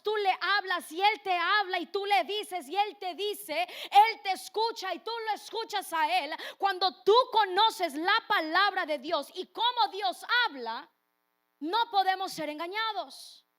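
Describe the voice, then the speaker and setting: A woman's voice: extremely high pitch, fairly bright tone. A woman preaching a sermon in an earnest way, putting direct questions to her listeners.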